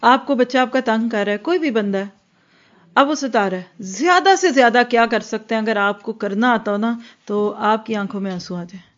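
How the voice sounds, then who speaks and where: Female religious teacher, earnest and explanatory, mid-high voice, dull lo-fi recording. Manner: earnest, explanatory, acts out quoted dialogue; mixes English words into her speech. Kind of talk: Islamic lecture.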